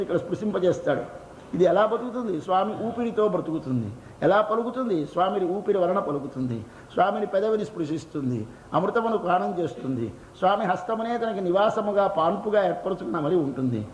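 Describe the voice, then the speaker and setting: An older man with a Telugu accent gives a devotional discourse. He asks questions and answers them himself in quick bursts, then slows down on key words. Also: sits high, darkish tone. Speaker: religious discourse speaker. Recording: echoey hall, dull lo-fi sound, faint hiss.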